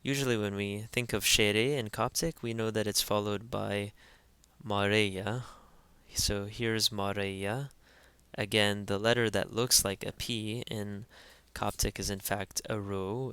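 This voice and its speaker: A man narrates a pronunciation lesson in a slightly low, bright and forceful voice. His tone is smooth and crisp, recorded dry and close with no room sound. He spells out sounds patiently and repeats each word slowly. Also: fairly even intonation, no echo. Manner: slow, careful spelling-out of sounds with repeated words. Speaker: language teacher. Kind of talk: instructional voice-over.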